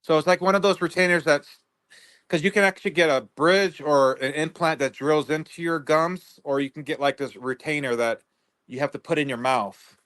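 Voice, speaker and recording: A man with a fairly high voice talks in a loose, rambling way. He stops and restarts often as he chats as a guest on a livestream. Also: steady tone, fairly bright tone. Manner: rambling, halting, many restarts. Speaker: guest neighbor. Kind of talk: casual livestream interview.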